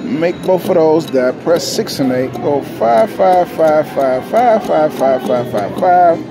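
A man's voice: on the high side, animated, takes it slowly, vocal fry. A man with an American accent giving casual, slangy, cocky running commentary to viewers as he gambles. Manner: slangy, cocky self-talk. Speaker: vlogger gambling at a casino. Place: indoor casino at a gaming machine. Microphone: handheld phone. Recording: loud casino music behind handheld recording.

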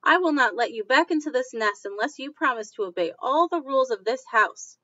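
A woman's voice: high-pitched, expressive, brisk, pushed and bright, dry recording, muffled recording, full character voice. A woman voicing a strict, scolding mother bird in a storybook read-aloud. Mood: stern scolding.

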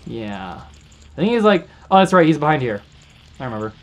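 A man's voice: fairly high pitch, very animated, moderate pace, muffled recording. A man hosting a let's play, chatting casually as he plays and repeating words while he thinks aloud. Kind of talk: casual gameplay commentary.

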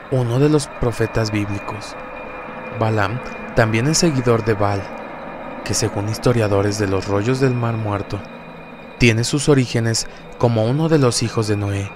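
A man reading a scripted narration about demons as a guest narrator. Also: lowish voice. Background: faint music.

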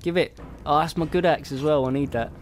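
A man's voice: fairly high pitch, fairly even intonation, a little fast, a little hiss or hum. A man giving casual, chatty commentary as he plays a game, laughing and muttering to himself. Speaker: gamer playing solo. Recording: game music playing faintly behind. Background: faint game music.

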